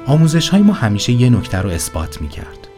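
A man narrating a motivational story in a calm, earnest voice-over. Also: medium pitch, faint music behind.

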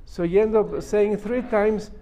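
A man's voice: high voice, a little slow, warm tone. A man teaching a religious class as a rabbi, emphatically reading and translating a text phrase by phrase and explaining it step by step.

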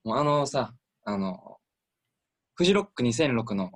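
A man's voice: mid-range voice, big pitch swings, unhurried. A young man with a Kansai accent, hosting a casual band radio chat, leading the talk with questions and enthusiasm. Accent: Kansai Japanese. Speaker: radio show MC.

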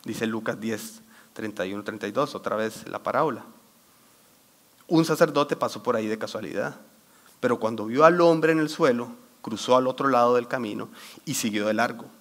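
A man giving a sermon talk, telling a lively story and quoting scripture while getting over a cold. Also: mid-range voice, moderate pace. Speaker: church youth speaker.

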